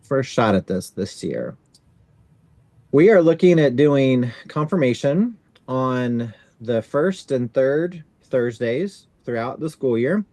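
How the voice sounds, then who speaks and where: Male call host, mid-pitched, dry close sound, easygoing and rambling. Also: slow pace, no room sound. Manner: relaxed, many fillers like "kind of". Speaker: synod staff leading a video-call orientation. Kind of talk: casual hosting on a video call. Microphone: video call.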